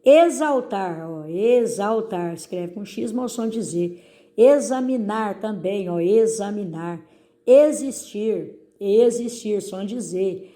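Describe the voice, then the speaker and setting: A middle-aged woman, a teacher going over exercises in a recorded lesson and stressing each word slowly for her pupils. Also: mid-range voice, warm tone.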